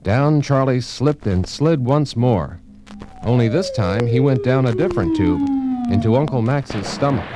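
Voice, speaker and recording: A man giving clear, even scripted narration of a children's storybook. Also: mid-range voice, unhurried, over loud music.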